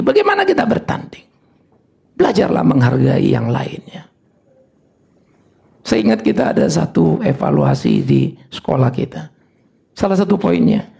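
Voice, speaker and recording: Older male pastor, gravelly voice, high and lively delivery, sermon storytelling. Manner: animated storytelling with sudden high exclamations.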